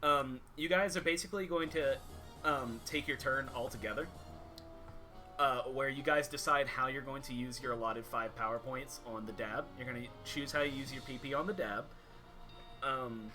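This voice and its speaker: A man working as game master, casually narrating a tabletop game in halting, improvised explanations. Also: medium pitch, sharp tone, soft background music.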